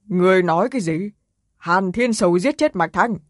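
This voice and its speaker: A man's voice: sits high, animated, moderate pace, dry recording. A man voicing a shaken middle-aged sect master in an audiobook, speaking in agitated exclamations over a dry, close sound. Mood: alarmed. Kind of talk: audiobook character reading.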